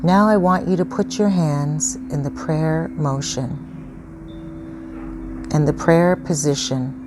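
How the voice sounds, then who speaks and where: A woman leading a calm guided grounding exercise as a meditation guide, giving patient, step-by-step instructions. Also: low-pitched. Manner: slow, patient, instructional phrasing. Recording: clearly noisy ambient background.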